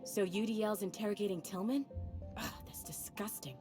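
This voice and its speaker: A woman's voice: mid-range voice, steady tone, fairly quick, music in the background, natural voice. An actress playing a chatty, gossipy female office worker in a video game.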